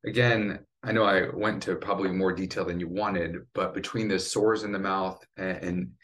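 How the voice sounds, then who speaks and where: A man's voice: low voice, fairly even intonation, normal speed, fairly bright tone. A middle-aged man, a cancer survivor and advocate, speaking earnestly in a podcast interview and getting choked up at times.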